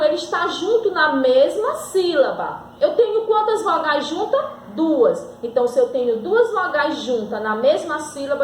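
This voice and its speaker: A woman's voice: high-pitched, slight background noise. A woman teacher with a Brazilian Portuguese accent giving a recorded grammar lesson, asking and answering her own questions and stretching out example words. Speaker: school teacher. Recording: echoey room.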